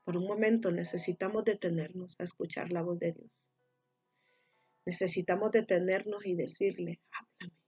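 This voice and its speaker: Husky woman preaching with emphatic repetition. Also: on the low side, fairly even intonation, normal speed, a little mellow. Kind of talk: devotional sermon. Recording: dull lo-fi recording with faint music.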